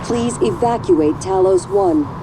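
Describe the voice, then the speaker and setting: Calm station computer lady on the speakers, lively rising pitch, kinda gravelly. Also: background noise, exaggerated voice. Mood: calm alert. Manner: even, measured automated warnings. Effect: station loudspeaker announcement. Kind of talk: game voice acting. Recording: distant speaker under loud music. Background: loud game music.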